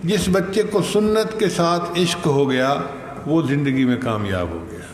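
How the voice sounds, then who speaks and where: An older man giving a slow, measured sermon, telling stories and reciting Arabic verses. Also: fairly high pitch, animated. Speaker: religious scholar. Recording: echoey hall with faint noise.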